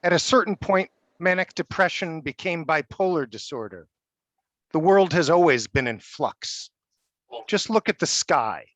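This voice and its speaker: A man's voice: fairly high pitch, no echo. A man poet who stammers and restarts as he talks, then reads his prose poems steadily over a video call. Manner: halting and stammering when talking, steady when reading. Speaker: poet and college faculty member. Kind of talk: poetry reading.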